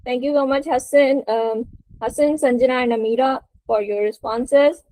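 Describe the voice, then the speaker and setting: A woman with a high-pitched, warm voice keeps a steady tone and moderate pace, though the recording is dry and the audio poor. She hosts a webinar as an English teacher, leading a group's spoken English lesson online and encouraging and prompting participants.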